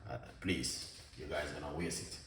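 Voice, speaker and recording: Deep voiced guy doing a chill cooking stream, chatty and upbeat, sounds far off in an echoey room with noise behind. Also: normal speed. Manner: upbeat, chatty, greets viewers by name and place. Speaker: cooking show host. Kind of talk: casual live-stream cooking chat. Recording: echoey room, mic at a distance, background noise.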